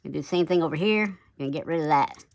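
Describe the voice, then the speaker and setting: A man's voice: a little high, quick pace, vocal fry. A man casually talking through a woodcarving demonstration, his voice sped up to double speed into a chipmunk voice, dropping folksy asides like "oop" and "yep". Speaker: woodcarving instructor. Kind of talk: casual step-by-step carving demonstration.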